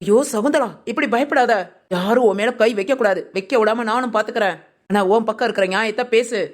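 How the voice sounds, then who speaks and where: An outspoken, loyal neighbor woman in a family cartoon, voiced by a woman. She gives firm advice at a quick pace in a slightly high voice. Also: lightly acted. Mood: urgent. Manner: outspoken, advising. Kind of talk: cartoon voice acting.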